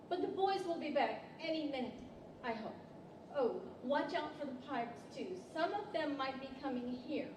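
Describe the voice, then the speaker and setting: A woman plays an earnest, motherly little girl in a live radio play. Her voice is high and swings widely as she explains things like a storyteller. It is picked up at a distance in a reverberant hall. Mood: concerned. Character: earnest, motherly young girl Wendy of the Neverland. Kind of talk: 1940s radio-theater acting. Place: large library hall, live stage performance. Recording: echoey hall, distant mic, background noise.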